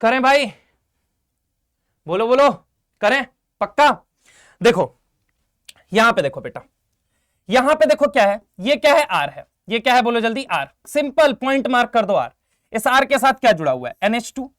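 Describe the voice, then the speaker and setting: Teaching an online exam-prep chemistry class, a man with a very high voice fires questions, coaxes students to respond in energetic call-and-response, and calls them "beta" and "bhai". He talks at a normal speed with long pauses, in studio-quality audio without echo.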